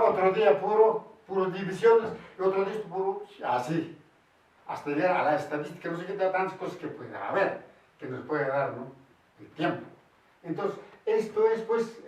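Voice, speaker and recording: A man teaching a language lesson, patient and repeating each step slowly, mixing Quechua and Spanish. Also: high-pitched. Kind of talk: bilingual classroom lesson. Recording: very echoey room, voice from far off.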